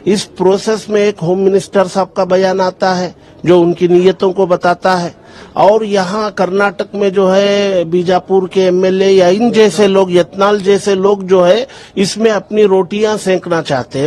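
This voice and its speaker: A man speaking as a religious leader in an interview, measured and explanatory. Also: sits high, a little mellow. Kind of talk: interview statement.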